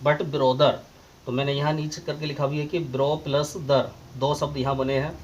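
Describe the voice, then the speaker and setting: A man with an Indian accent teaching English grammar as a lesson, slowly dictating definitions word by word. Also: on the high side, little pitch movement, lo-fi sound, slight background noise. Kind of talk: classroom lesson explaining grammar.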